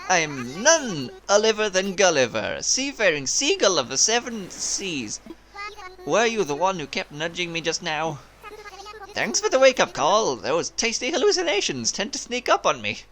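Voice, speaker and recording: A man's voice: high voice, huge pitch swings, moderate pace, a bit bright, pitched above the performer's own voice, full character voice. A man voicing a chatty shipwrecked male seagull sailor with a put-on Irish accent. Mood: cheery.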